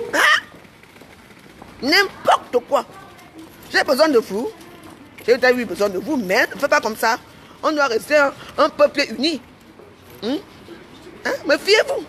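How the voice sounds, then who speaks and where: A woman's voice: on the high side, a bit bright, a little hiss or hum. A woman with a Cameroonian French accent, a vlogger speaking straight to her audience in a heated, indignant rant, repeating herself and tagging phrases with "hein".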